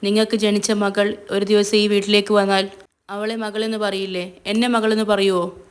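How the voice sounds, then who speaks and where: A woman voicing a distraught grown daughter who pleads loudly and emotionally with her parents, read as a spoken storybook. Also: mid-range voice, little pitch movement, moderate pace, smooth, close to an everyday voice. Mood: tearful.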